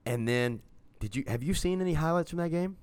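A man co-hosting a casual podcast chat, swearing freely and telling lively stories. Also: a little high, brisk, clean tone. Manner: profane, animated storyteller. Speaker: podcast co-host.

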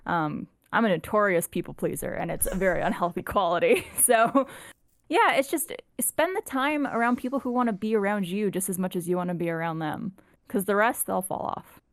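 A woman's voice: medium pitch, fairly quick, dry recording, clean studio sound. A woman in a casual podcast chat, talking earnestly and frankly, with the odd swear word for emphasis.

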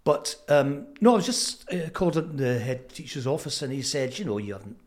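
A man in his seventies with a Fife Scottish accent, telling stories reflectively as an interview guest, halting and thoughtful with frequent pauses. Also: on the high side. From Fife, Scotland. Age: 70s. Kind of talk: reflective conversational storytelling.

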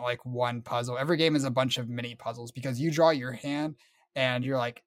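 A man's voice: medium pitch, no room sound. Man explaining things on a casual podcast. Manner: relaxed, explanatory, trailing off with filler words. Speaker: podcast co-host. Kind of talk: casual chat.

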